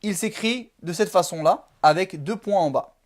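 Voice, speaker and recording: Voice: mid-range voice, moderate pace. A teacher giving a video lesson, speaking patiently, drilling syllables one by one and checking in with the viewer often. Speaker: Arabic alphabet teacher.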